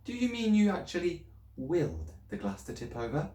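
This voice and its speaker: Man voicing a kind schoolteacher, gentle, patient, softly questioning, roomy echo. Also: fairly high pitch, wildly swooping pitch, normal speed, pitched above the performer's own voice. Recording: roomy, distant mic.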